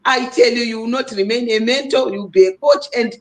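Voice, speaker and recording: Her voice sits a little high and runs a little fast as this Zimbabwean host leads a live stream panel. The talk is casual, delivered with emphasis, and she pushes the audience to get involved.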